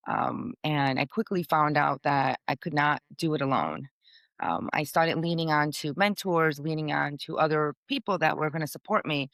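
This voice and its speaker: A woman's voice: low voice, a bit bright, no room sound. A middle-aged woman from Portugal, chatting upbeat as a guest on a podcast, with many fillers. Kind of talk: casual interview talk.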